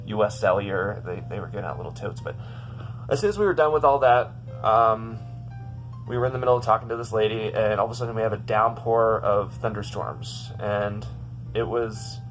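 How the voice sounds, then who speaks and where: A man's voice: on the low side, brisk, soft background music. A young man telling a story about his bad day in a casual vlog from his bedroom, rambling and upset, with many restarts and fillers. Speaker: vlogger.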